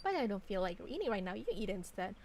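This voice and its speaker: A woman voicing a gentle, sorrowful elderly grandmother, speaking in a soft, hushed, lowered voice. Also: big pitch swings, fast talker. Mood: tender.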